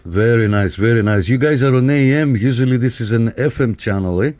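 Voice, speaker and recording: A man from Canada with a mid-range voice talks a little fast while casually reviewing and operating radio gear, often repeating short phrases. Background noise in the recording is clear.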